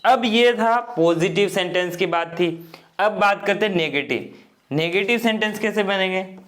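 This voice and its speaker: A man's voice: sits high, fairly bright tone. A man teaching English grammar in Hindi, explaining step by step and often checking that students follow. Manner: slow, repetitive explaining with frequent checks.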